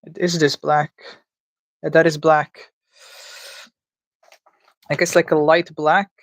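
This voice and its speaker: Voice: mid-range voice, flat delivery, slow pace, no room sound. Streamer musing while drawing. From Latvia. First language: Latvian. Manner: thinking aloud, unsure and self-mocking. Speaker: livestreamer. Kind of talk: casual commentary while drawing live.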